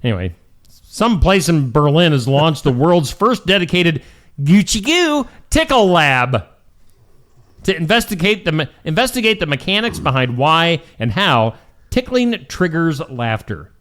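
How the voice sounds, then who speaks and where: A man's voice: a little high, very animated, moderate pace, fairly bright tone. A man hosting a morning show, reading out weird news stories in a jokey, casual way. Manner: jokey, reads stories aloud and laughs at them.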